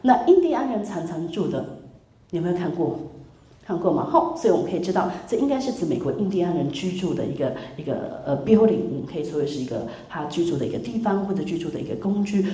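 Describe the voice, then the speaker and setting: A woman lectures a university class in a lively, story-filled way, putting questions to the students and dropping in English words. Her voice sits fairly low, with a mellow, dark tone. The lecture hall around her rings with echo, and a faint hiss lies underneath. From Taiwan. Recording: echoey lecture room with faint noise.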